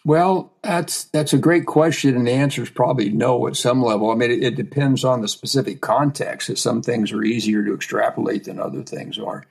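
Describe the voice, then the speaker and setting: A man being interviewed as an astrophysicist, answering in a thoughtful, halting way with many restarts. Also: medium pitch, gravelly. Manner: hesitant, with frequent restarts and repeated words. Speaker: guest, astrophysicist.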